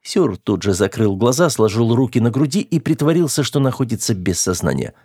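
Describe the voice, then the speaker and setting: A man narrating an audiobook in a steady, even manner. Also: medium pitch, brisk, husky, no room sound, clean studio sound.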